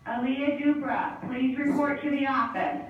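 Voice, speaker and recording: A woman's voice: high voice, measured pace, muffled recording. A woman from the school office making public address announcements over the intercom, calling students to report. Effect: school intercom loudspeaker. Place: classroom with the intercom speaker. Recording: distant echoey intercom in a noisy classroom.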